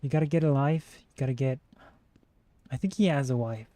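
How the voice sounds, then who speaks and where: Mellow-voiced man chatting through a game stream. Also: medium pitch, brisk, no room sound. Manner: rambling, chatty, reads out and answers chat. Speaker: gaming streamer. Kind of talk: casual let's-play commentary.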